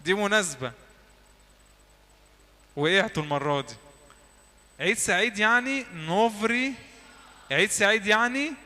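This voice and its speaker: A man with an Egyptian Arabic accent teaching a church class, quizzing the listeners and repeating words slowly so they echo them back. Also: high-pitched, expressive, bright, forceful tone. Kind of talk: lively classroom teaching with drills. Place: church hall.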